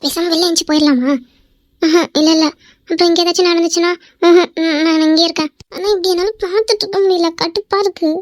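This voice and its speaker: A jealous young wife in a cartoon, voiced by a woman, with a very high, childlike voice and fast talk. She pleads through tears and snaps back possessively. The recording is close and dry. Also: steady tone, no room sound. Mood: jealous, annoyed. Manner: tearful and pleading, then sharp and possessive. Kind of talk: amateur cartoon voice acting.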